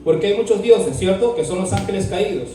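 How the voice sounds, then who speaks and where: High-voiced man teaching in an echoey room. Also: animated, brisk, mellow. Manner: asks the class questions often; spells out words letter by letter. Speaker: Bible teacher. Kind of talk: classroom lesson with dictation. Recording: very echoey room, mic far off, faint music.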